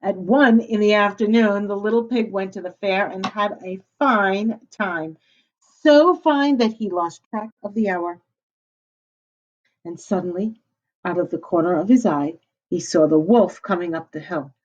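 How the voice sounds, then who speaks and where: A middle-aged woman teacher reads a storybook aloud to children, pausing to explain what words mean. Her medium-pitched voice is warm and unhurried, captured on a slightly dull lo-fi recording.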